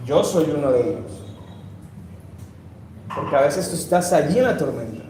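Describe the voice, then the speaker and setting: A man preaching a sermon, building drama with rising pitch and volume for emphasis, then dropping to a hushed tone. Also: animated, normal speed. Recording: echoey room with faint noise.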